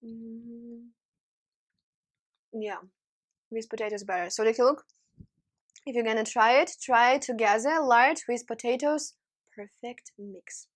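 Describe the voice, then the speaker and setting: A young woman talks at an unhurried pace as she samples dishes for her vlog. Her voice sits fairly high, and she keeps humming and praising the food with open enthusiasm. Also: fairly even intonation. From Ukraine. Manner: enthusiastic, savoring food with many appreciative hums. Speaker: vlog host. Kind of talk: casual food-tasting vlog.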